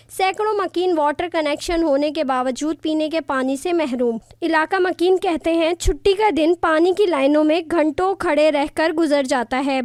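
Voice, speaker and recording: A woman reporting in a formal, measured news voice-over. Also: sits high, no echo, studio quality. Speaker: field reporter.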